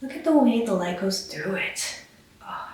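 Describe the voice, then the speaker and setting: A woman's voice: medium pitch, expressive, unhurried, a little mellow. A young woman from Taiwan hosting her knitting podcast, talking casually and enthusiastically to the camera with rambling asides. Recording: very echoey room, distant mic, faint hiss.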